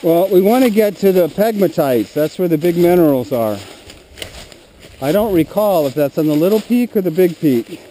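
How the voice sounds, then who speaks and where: A man with a somewhat high, mellow voice chats on a forest hike, cracking dry jokes and pointing out rocks. It is recorded on a camera strapped to his head, with faint outdoor noise behind him. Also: lively intonation, moderate pace. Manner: dry, joking, explains rocks and maps. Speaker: hiker filming with a head-mounted camera. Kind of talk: casual chat while hiking. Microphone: head-mounted action camera. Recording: noisy outdoor action-camera audio.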